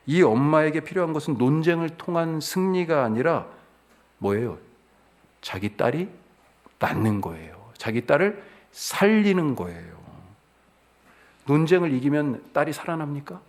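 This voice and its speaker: Middle-aged male pastor mid-sermon, animated delivery that drops low then rises to emphatic, questioning the listeners. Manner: animated preaching, swinging from hushed to emphatic; asks the congregation rhetorical questions.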